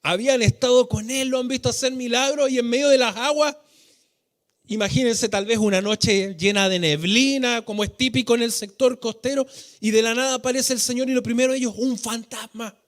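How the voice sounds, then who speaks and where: A man's voice: very high voice, normal speed. A Chilean man preaching a sermon in a church, fervent and emphatic, stretching out key phrases with sung cadences. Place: church hall.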